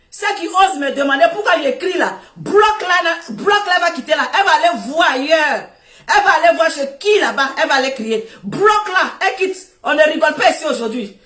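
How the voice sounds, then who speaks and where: Middle-aged West African French woman, high voice, loud laughing rant, off-mic in a roomy space. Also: distant mic. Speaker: Facebook live host. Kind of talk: Facebook live rant. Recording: echoey room, off-mic.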